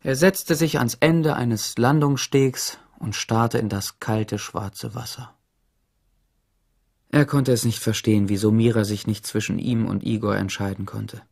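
A man narrating an audiobook in an expressive storytelling manner. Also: fairly low pitch, measured pace, vocal fry. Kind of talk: scripted narration.

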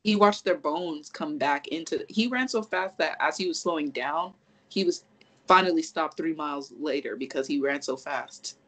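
A podcast co-host in casual chat, animated and profane, rambling through restarts and acting out reactions. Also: medium pitch, moderate pace, poor audio.

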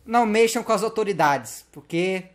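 A man giving casual gameplay commentary, slangy and playful, talking to the game's characters and getting excitable in the action. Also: sits high, moderate pace. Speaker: gameplay youtuber.

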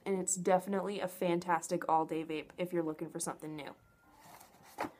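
Young female reviewer, lowish voice, informal and enthusiastic, faint background noise. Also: steady tone, moderate pace, a little mellow. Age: young adult. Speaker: product reviewer. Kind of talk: casual review to camera. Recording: noticeable background noise, home camera audio.

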